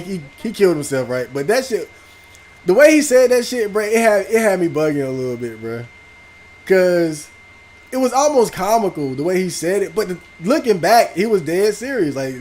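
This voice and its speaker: A man streaming a video game with loud, profane, reactive outbursts and casual chat. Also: high voice. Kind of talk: casual gaming stream commentary.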